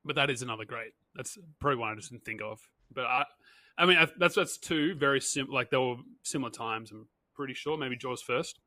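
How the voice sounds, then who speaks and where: Man, podcast co-host, casual chat, rambling, bright voice, dry sound. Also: medium pitch, no echo. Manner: chatty, rambling, quick to laugh.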